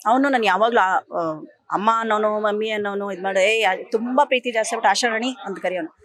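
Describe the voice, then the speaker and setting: A middle-aged actress answers an interviewer with deep emotion. Her voice turns tearful at moments and she breaks off and restarts her sentences. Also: a bit bright. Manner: emotional, speaks of grief with pauses and restarts.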